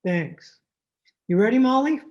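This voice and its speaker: A woman's voice: on the high side, lively intonation, measured pace, darkish tone, lo-fi sound. A woman playing a droll, wisecracking veteran family doctor in old-time radio comedy, with dry, wordy sarcasm. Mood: wry. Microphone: video call microphone.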